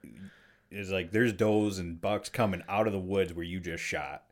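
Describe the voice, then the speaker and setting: A man from Michigan, co-host of the show, excitedly retelling a story in casual chat. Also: low voice, normal speed. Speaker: co-host telling a hunting story.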